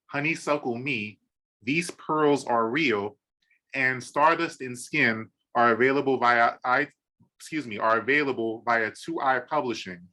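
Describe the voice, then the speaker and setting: A man's voice: medium pitch, bright, forceful tone. A man hosting a poetry podcast interview over a video call, enthusiastic, with many "um"s and repeated "awesome". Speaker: podcast host.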